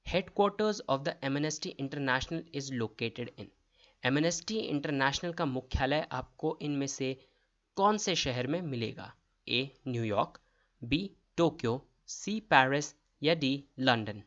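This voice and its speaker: A man's voice: medium pitch, lively intonation, slow pace, fairly bright tone, muffled recording. A man running an exam-prep quiz lesson, reading each question and its options aloud before explaining the answer. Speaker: quiz tutor.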